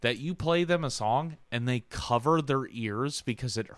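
A man's voice: mid-range voice, moderate pace, a bit bright, dry recording. A man on a podcast mic, ranting in casual chat, profane and heated. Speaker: podcast co-host.

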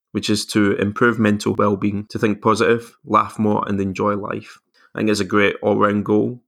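A male podcast host narrates in a low voice with a gravelly creak. His delivery is very flat and even as he reads out items. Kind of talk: podcast narration reading out messages.

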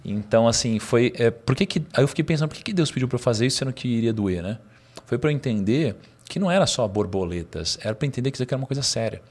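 Fast-talking man telling a story. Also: mid-range voice. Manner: animated storyteller, laughs, slangy. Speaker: podcast guest, speaker. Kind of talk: casual storytelling interview.

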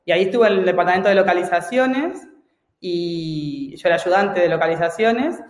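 High-voiced Spanish man in an echoey room. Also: moderate pace. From Spain. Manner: animated, many restarts and fillers. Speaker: guest. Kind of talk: casual storytelling in an interview.

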